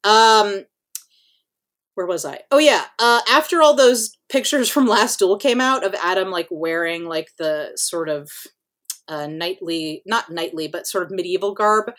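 A woman's voice: on the low side, lively intonation, normal speed, a bit bright. A woman co-hosting a podcast in casual chat, rambling with lots of fillers and casual swearing. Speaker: podcast co-host.

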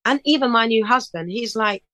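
A woman's voice: a little high, fairly quick, bright, forceful tone, dry recording, soft background music, poor audio. A middle-aged woman, a singer and DJ, chatting in an interview in a chirpy, upbeat way and telling stories with lots of energy. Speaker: singer and DJ guest. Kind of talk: casual interview chat.

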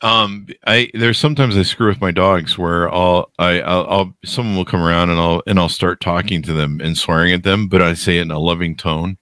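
A man hosting a podcast, chatting casually and self-deprecatingly with animated asides. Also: low voice, moderate pace, hardly any pauses, no echo, clean studio sound. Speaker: podcast host.

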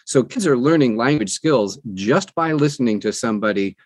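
A middle-aged American audiobook narrator, appearing as a podcast guest, answers conversationally in a medium-pitched, darkish, animated voice at normal speed. He explains earnestly and emphatically, drawing on anecdotes.

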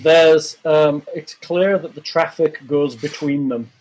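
A man running a tabletop game as game master, calmly describing the caves and calling for dice rolls. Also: on the high side, slow pace, muffled recording, slight background noise. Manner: calm, descriptive narration with restarts.

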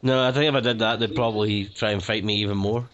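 A man's voice: fairly low pitch, fairly even intonation, fast talker, fairly bright tone, dull audio. A man from Glasgow with a Glaswegian accent, co-hosting a casual film commentary in a jokey, sweary way. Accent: Glaswegian Scottish. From Glasgow, Scotland.

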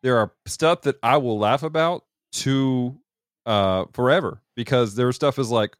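A man's voice: mid-range voice, a little slow, clean tone, no echo, clean studio sound. A man hosting a movie podcast in casual chat, laughing often. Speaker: podcast host.

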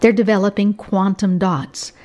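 A woman's voice: mid-range voice, steady tone, normal speed, a little mellow. A woman with an American accent reading scripted narration as a science radio host and reporter.

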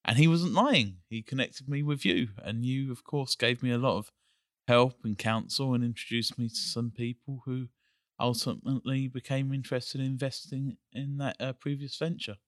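A man with an English accent, a guest on a podcast, talking in a measured, articulate way with frequent pauses to think. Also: mid-range voice, steady tone, dry recording, studio quality. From England. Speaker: guest, energy company CEO. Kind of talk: casual podcast chat.

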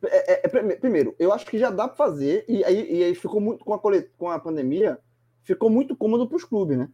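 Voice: mid-range voice, lively intonation, fairly quick, dark tone, husky, dull audio. A sports commentator, talking animatedly and emphatically in a casual sports chat, often restarting words.

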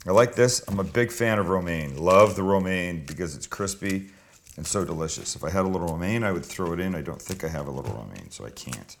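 A low-voiced man, talking a little fast, guides viewers through a dish in the style of a cooking show host. He is chatty, casual and full of opinions, with kitchen clatter clearly heard behind him.

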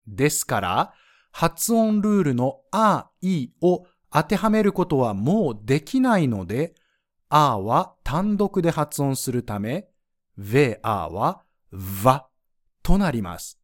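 Slow, lively-voiced male French teacher. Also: fairly high pitch. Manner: clear, patient explaining, spelling out sounds slowly. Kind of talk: scripted language lesson.

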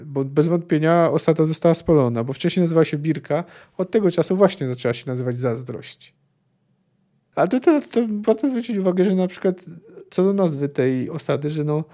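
A man's voice: on the high side, warm tone. A man hosting a book podcast, reading passages and thinking aloud hesitantly, with many fillers. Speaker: podcast host.

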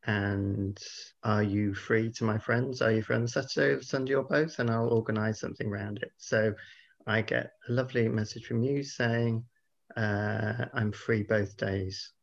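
A man's voice: fairly low pitch, fairly even intonation, moderate pace, vocal fry, dull audio. A British man hosting a podcast, telling his side of a petty dispute in an exasperated, sweary, interrupting way. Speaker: podcast host. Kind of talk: casual bickering storytelling.

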